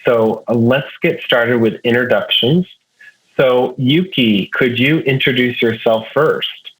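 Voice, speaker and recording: A man's voice: mid-range voice, takes it slowly, fairly bright tone, rough recording. A man hosting an alumni panel over a video call, introducing speakers and posing questions in a friendly, methodical way. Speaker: international student advising director, panel host.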